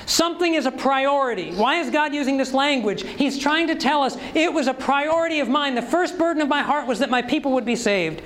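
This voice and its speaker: Male preacher, very high-pitched, emphatic sermon delivery heavy on rhetorical questions. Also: a little fast, hardly any pauses, fairly bright tone, poor audio.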